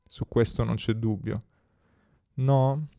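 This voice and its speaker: A shrewd ancient magic hat, as a man puts it on for a storybook reading, weighing each thought in a slow, probing drawl. The voice has a gravelly edge and a dark, mellow tone. The sound is dry, with no room around it. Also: medium pitch, fairly even intonation, dry recording. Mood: musing.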